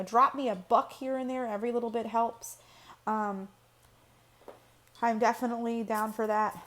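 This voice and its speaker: A woman hosting her own channel, talking casually and personally to camera, rambling with fillers and restarts. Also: medium pitch. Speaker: channel host. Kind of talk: personal vlog talk to camera.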